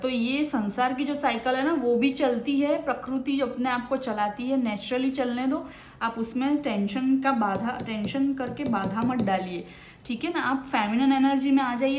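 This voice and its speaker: A woman's voice: on the high side, a little mellow, echoey room. A woman doing a tarot reading, talking casually and giving advice, often checking in with the listener. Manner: chatty and advising, often tagging "ठीक है ना". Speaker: tarot reader.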